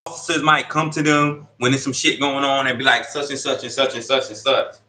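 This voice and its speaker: A thirty-something man being interviewed in a prison dorm speaks in a steady, medium-pitched voice that's bright and forceful and fairly quick. His storytelling is relaxed and full of street slang, punctuated by "you see what I'm saying" as he checks in with the listener.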